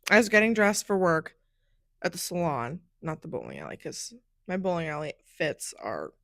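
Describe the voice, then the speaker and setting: A woman's voice: low voice, big pitch swings, moderate pace, vocal fry, fairly bright tone, no echo, clean studio sound. A young woman hosting her own podcast, telling stories in a casual solo chat. She keeps saying "like" and sounds a bit groggy from a nap. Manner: chatty, fills speech with "like". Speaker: podcast host.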